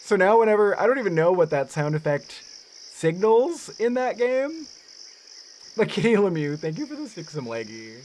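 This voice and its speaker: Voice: medium pitch, sing-song, moderate pace, a little mellow, a little hiss or hum. A streamer giving casual live commentary on a cozy game, playful and goofy, chatting to viewers. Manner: playful, goofy, talks to chat.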